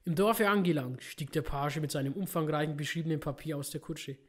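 A man's voice: a little high, a little fast. A man hosting a game playthrough, reading in-game books aloud with small slips he corrects. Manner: reads narration steadily, with small slips and self-corrections. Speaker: let's play host.

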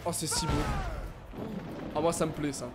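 A man hosting a let's play, giving excitable gaming commentary and making playful blaster sound effects. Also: fairly high pitch, normal speed. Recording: game music in background. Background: game music.

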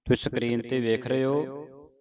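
A man teaching how to pronounce scripture, drawing out each verse in a chant and then explaining quick points of spelling and pausing. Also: mid-range voice, fairly even intonation, no room sound, lo-fi sound. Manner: drawn-out chanting of verses, then brisk corrections. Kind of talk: slow line-by-line pronunciation lesson.

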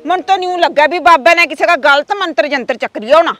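A woman's voice: high voice, brisk, faint music behind. A shrieking possessed woman. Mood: shrill mocking. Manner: shouting, mocking, odd dialect words. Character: possessed woman, loud and mocking, spirit voice.

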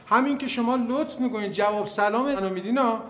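An actor playing a touchy building janitor in a sitcom, sarcastic, self-pitying and mock-grateful. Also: male voice, extremely high pitch. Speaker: building cleaner. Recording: roomy set with faint music.

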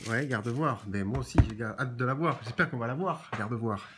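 A man hosting a relaxed, joking chat while he opens trading card packs, often pausing on fillers. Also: mid-range voice, heavy background noise. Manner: joking, chatty, frequent "donc" and "euh" fillers. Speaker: host of a card-opening channel. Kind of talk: casual chat while opening trading cards.

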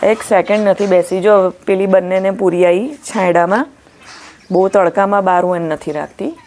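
A Gujarati woman chatting casually in a vlog, often calling to her child and her cows in a high, coaxing sing-song voice, outdoors on a farm. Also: normal speed, a little mellow, a little hiss or hum. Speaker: vlogger and mother.

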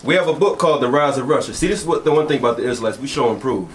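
A man's voice: mid-range voice, expressive, racing. Give me an insistent man preaching and arguing in a debate, with faint background noise. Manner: forceful, insistent, repeats points. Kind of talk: heated street debate.

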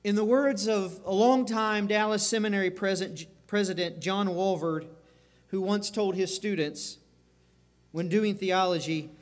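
Male pastor, sermon, high voice, slow deliberate delivery, long church reverb. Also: fairly even intonation. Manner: earnest, emphatic preaching with repeated phrases and restarts. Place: church sanctuary.

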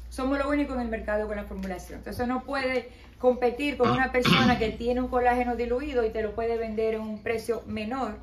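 Pitching her skincare line as an interview guest, a Dominican company owner in middle age speaks in a somewhat high voice with a Dominican Spanish accent, measured and steady, explanatory and promotional, using some hesitation fillers. She's filmed by a distant camera in a small balloon-decorated showroom indoors, so her voice echoes noticeably, with a little hiss or hum.

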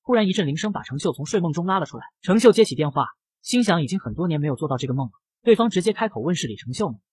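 A man narrating a comic recap in a brisk storytelling manner. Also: a little high, lively intonation, darkish tone, breathy edge, no echo.

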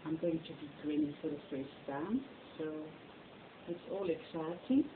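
A middle-aged woman with a Flemish Belgian accent rambles fondly through a home vlog, calling everything lovely. Her voice sits on the low side and sounds thin and tinny, like a phone line. Clear hiss and hum from a cell phone hang behind her. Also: moderate pace. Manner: chatty and rambling, fond of the word lovely. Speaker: reborn doll hobbyist. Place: bedroom at home. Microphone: phone camera on a stand.

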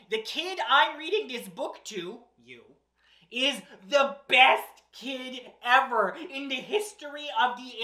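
With a high, fairly bright voice, a drag performer hosts a children's story session from an armchair on a small indoor set, reading animatedly and chatting in an over-the-top, playful, theatrical manner. Indoor echo fills the recording.

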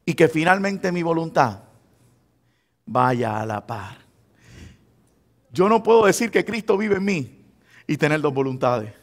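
A man's voice: a little high, animated, a little slow, long pauses. A man with a Puerto Rican Spanish accent, preaching a sermon as pastor in a conversational, teasing way. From Puerto Rico. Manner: conversational preaching, teasing the congregation, acting out quoted believers.

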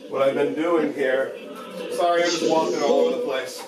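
Casual rambling man, loud music behind. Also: on the high side, steady tone, normal speed. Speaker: host of spirit box sessions. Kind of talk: casual monologue to camera. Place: indoor room with guitars and amp.

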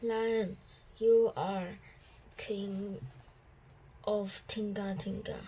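A woman voicing a small, helpful flea in a storybook, reading slowly and plainly. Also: medium pitch, little pitch movement, mellow, a little hiss or hum, low-quality recording. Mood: encouraging. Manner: slow, plain read-aloud delivery.

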